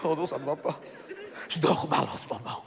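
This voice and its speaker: In a stand-up monologue, a male comedian voices a chatty, gossipy middle-aged housewife with a Belgian French accent, rambling and stammering through self-corrections. His voice is fairly high with vocal fry at normal speed, with a long reverb tail and crowd noise.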